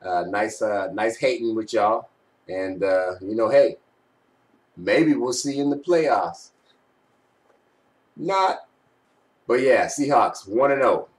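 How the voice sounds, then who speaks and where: A man's voice: lowish voice, unhurried, far from the mic. A young man gives casual postgame sports commentary. He is slangy and teasing, like a fan vlogger. The sound is a home webcam recording from a small bedroom, slightly away from the mic. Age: young adult. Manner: slangy, teasing trash talk. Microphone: webcam at arm's length.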